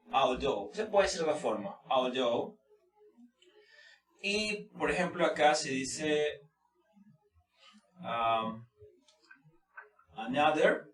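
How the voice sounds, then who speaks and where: A man teaching English pronunciation in an informal lesson, explaining slowly with many fillers and repeating example words. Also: on the high side, fairly bright tone, reverberant, distant mic.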